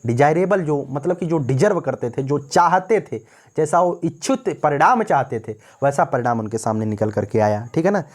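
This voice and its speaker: A male teacher with an Indian accent gives a recorded exam-prep lecture, explaining in Hindi, reading English notes slowly and often checking "ठीक है ना". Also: on the high side, animated. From North India.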